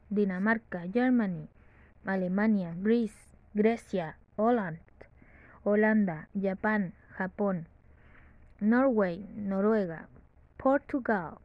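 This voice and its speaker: A woman teaching English to Spanish speakers, slowly reading example sentences and translating each one, with small self-corrections. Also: mid-range voice, dry recording, lo-fi sound.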